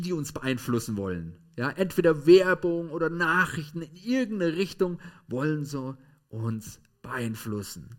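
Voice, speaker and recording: A man preaching a sermon, telling stories with lively emphasis and asking listeners "ne?" and "ja?" along the way. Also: fairly high pitch. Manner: storytelling with shifting emphasis, frequent "ne?" and "ja?" tags. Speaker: pastor.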